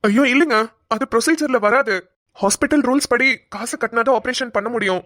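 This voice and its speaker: A woman's voice: on the high side, brisk, a bit bright, dry recording, studio quality, close to an everyday voice. A woman voicing a polite, reassuring male hospital doctor in a cartoon. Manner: polite, reassuring, mixes English words. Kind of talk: cartoon voice acting.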